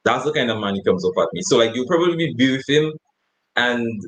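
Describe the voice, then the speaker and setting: Man, casual co-host, rambling, laughing, mid-pitched voice. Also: animated, brisk, a little hiss or hum, poor audio. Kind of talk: casual chat.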